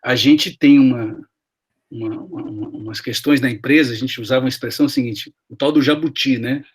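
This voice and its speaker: A man's voice: medium pitch, steady tone, a little fast, breathy edge. A middle-aged man with a Brazilian Portuguese accent, an HR professor telling workplace stories in a chatty live class over a video call, with many tag questions. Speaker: guest HR professor. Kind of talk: live class conversation, storytelling.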